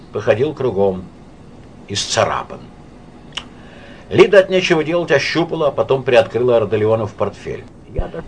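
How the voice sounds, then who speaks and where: A man reading a literary novel aloud as an audiobook, in an expressive, wide-ranging way. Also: medium pitch, a little hiss or hum. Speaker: audiobook reader.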